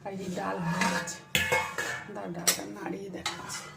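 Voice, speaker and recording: A woman's voice: medium pitch, level tone, normal speed, gravelly. Chatty woman cooking at home with a cold. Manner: chatty, rambling, many fillers and asides. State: has a cold. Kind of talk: casual cooking vlog chat. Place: home kitchen. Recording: faint background noise.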